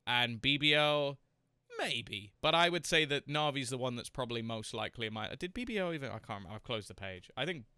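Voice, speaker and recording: Man with a crisp, bright voice. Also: mid-range voice, animated, a little fast, no echo, clean studio sound. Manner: hesitant, repeats words while thinking aloud. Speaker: podcast host. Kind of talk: casual esports podcast chat.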